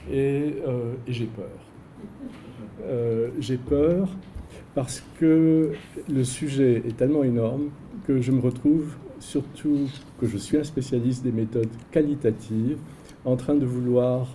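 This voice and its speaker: Man, academic lecture, measured delivery, rhetorical questions, dark mellow tone, faint background hum. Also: medium pitch, low-quality recording. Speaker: invited researcher giving a lecture. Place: seminar room.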